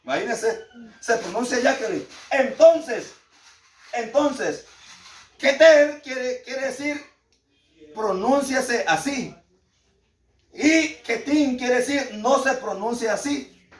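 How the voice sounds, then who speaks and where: A man's voice: extremely high pitch, lively intonation, slow pace, long pauses. A man with a Salvadoran Spanish accent teaching a Bible lesson to a class, repeating key words emphatically and asking the class questions. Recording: echoey room, speaker far from mic.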